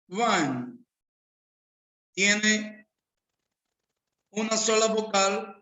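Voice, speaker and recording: A man with as his teaches a grammar lesson, drawing out each word and repeating examples. His voice sits high and sounds bright. He speaks very slowly in a roomy, echoing space. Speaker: English teacher. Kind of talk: slow classroom grammar lesson.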